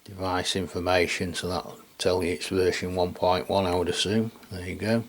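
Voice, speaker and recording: This English radio reviewer and video host, from England and with an English accent, walks through a product demo in a chatty, meandering way, speaking colloquially and often closing with tag questions. He talks at a moderate pace in a deep voice with little pitch movement.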